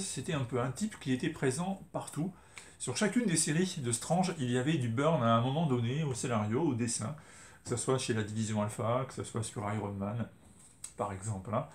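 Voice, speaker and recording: A man's voice: mid-range voice, darkish tone. A middle-aged man from France, casually reviewing comics as a video host, chatty with many fillers and self-corrections. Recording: roomy echo, faint ambient noise.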